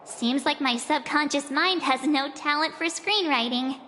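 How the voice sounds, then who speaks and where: Bright, high-pitched perky young traveller girl. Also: measured pace, a little hiss or hum. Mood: sheepish. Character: perky young woman traveller, sheepish and chatty. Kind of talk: English video game voice acting. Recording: long reverb, music behind.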